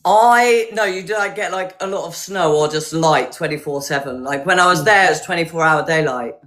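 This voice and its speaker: A woman from Hertfordshire with a bright, forward voice. She talks in a casual, rambling way, as a contestant chatting over a video call. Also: low voice, moderate pace. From Hertfordshire, England. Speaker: dating show contestant. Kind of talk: casual chat.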